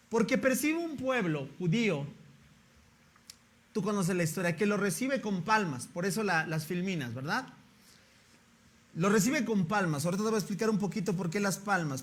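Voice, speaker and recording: A man's voice: sits high, a bit bright. A male pastor, preaching a sermon in a conversational way and often asking the congregation rhetorical questions.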